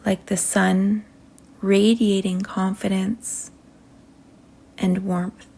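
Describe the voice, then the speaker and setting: With a creaky, medium-pitched voice and flat delivery, a woman guides listeners through a calming meditation on poor-quality audio. She uses short phrases and long pauses, letting her voice sink softly toward a whisper.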